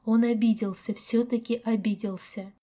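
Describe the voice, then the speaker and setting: A woman reading a romance novel aloud as an audiobook narrator, with a calm, even delivery. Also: a little high, normal speed. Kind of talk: scripted narration.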